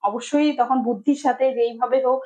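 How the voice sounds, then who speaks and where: A woman's voice: fairly high pitch, fairly even intonation, quick pace, warm tone, dull audio. A young woman telling viewers a story about her child in a chatty, rambling way, full of fillers and restarts.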